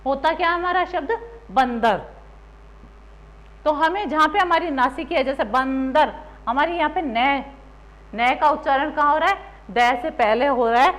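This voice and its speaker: Woman teacher going over grammar, higher voice, keeps asking the class and answering herself. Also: normal speed, fairly bright tone, low-quality recording. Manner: asks the class questions and answers them herself. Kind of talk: Hindi grammar lesson.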